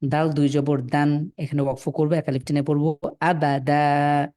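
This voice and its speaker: A man teaching Quran reading over a video call, patiently but firmly correcting students and spelling letters slowly. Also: on the high side, flat delivery, warm tone, dry recording, studio quality. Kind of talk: online class, correcting students.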